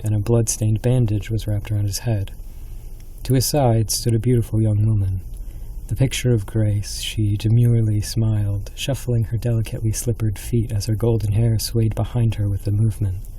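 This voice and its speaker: A man's voice: on the low side, dark tone, a little hiss or hum, low-quality recording. A man reading a scripted horror story as a dramatic narrator.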